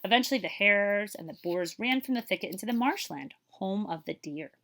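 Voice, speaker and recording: Reading a children's story as a librarian, this woman speaks fairly quickly in a mid-range voice. Her delivery is dramatic and expressive, and she puts questions to the young audience.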